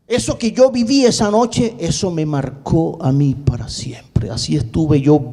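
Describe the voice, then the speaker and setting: A male pastor preaching, with a high voice and a mellow, dark tone. He tells his story dramatically, repeating words for emphasis and swinging between quick bursts and slow, drawn-out phrases. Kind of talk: sermon testimony.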